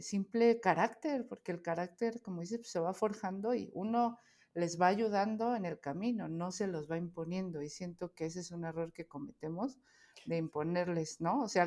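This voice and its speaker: A woman with a lowish, mellow voice talks in a casual conversation. She sounds reflective and often stops to search for her words. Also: moderate pace.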